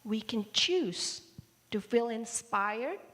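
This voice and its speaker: A woman raised in Indonesia preaches a sermon at a very unhurried pace, her slightly high voice expressive as she tells stories in a measured, warm way with playful asides. The audio rings with the long reverb of a church hall livestream.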